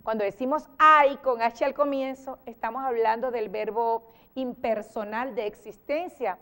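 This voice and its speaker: Clear-voiced Venezuelan teacher woman. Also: fairly high pitch, unhurried. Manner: patient, explains with many spoken example sentences; lively, exclaims when acting out examples. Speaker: teacher guest. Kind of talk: TV interview explaining grammar.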